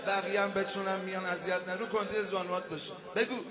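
A man leading a mourning ceremony, chanting slow verses and speaking quick asides to the crowd. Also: high-pitched, completely flat delivery. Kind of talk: sung religious lament with spoken asides. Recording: echoey hall, dull sound, music behind. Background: music.

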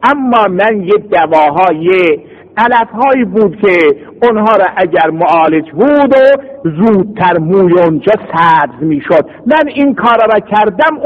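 A man's voice: high-pitched, long reverb tail. A man voicing a young male war captive who pleads desperately that he is not yet grown, in a dull lo-fi recording.

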